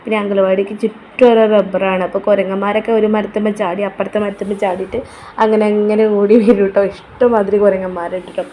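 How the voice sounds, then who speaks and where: A woman's voice: mid-range voice, little pitch movement, fast talker, a little hiss or hum. A woman, chatting casually in her vlog and giving motherly advice. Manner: chatty, keeps adding a tag word, warm motherly advice. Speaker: vlogger.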